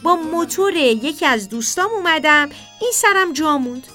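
A woman's voice: sits high, animated, pushed and bright, soft background music, voice pushed up. A woman voicing a flustered man who hesitates and protests. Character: flustered man caught in a lie.

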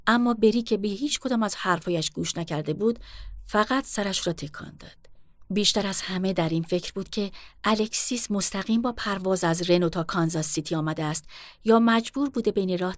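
A woman reading a novel aloud in a steady, measured way as an audiobook narrator. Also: mid-range voice, no room sound. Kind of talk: scripted narration.

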